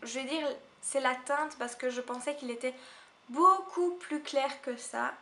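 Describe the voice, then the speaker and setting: A woman's voice: high-pitched, measured pace, sharp tone, slight background noise. A woman with a Belgian French accent, chatting to camera about makeup in a casual, hesitant way, often trailing off and correcting herself. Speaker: beauty vlogger.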